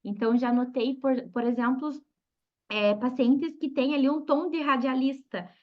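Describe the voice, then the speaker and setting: A woman's voice: sits high, fairly even intonation, normal speed, a little hiss or hum. Brazilian woman host, muffled call audio. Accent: Brazilian Portuguese. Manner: frequent "né?" tag questions, reflective. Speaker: host, psychologist. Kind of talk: interview conversation.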